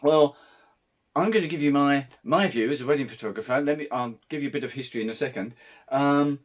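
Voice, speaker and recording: A man with a slightly croaky throat talks through a camera comparison in a relaxed, meandering way. His pitch sits in an ordinary middle range, and he sounds like a working wedding photographer chatting to his viewers. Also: a little fast. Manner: conversational, meandering. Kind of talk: casual camera review vlog.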